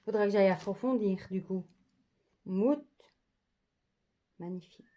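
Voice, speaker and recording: Soft-spoken woman slowly admiring oracle cards. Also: medium pitch. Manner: admiring, murmurs card names softly, often half-whispered. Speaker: oracle card reviewer. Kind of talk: casual unboxing vlog.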